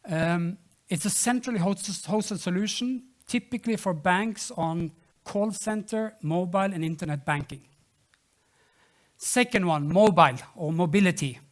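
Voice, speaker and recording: A startup founder giving a business pitch and answering questions, in a halting way that repeats and restarts phrases.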